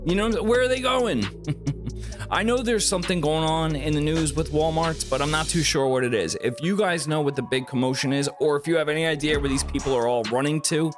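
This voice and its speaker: A man's voice: fairly high pitch, a little fast. A man hosting a reaction video in casual, laid-back commentary. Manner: laid-back, chuckling, says "guys" often. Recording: music bed under the voice.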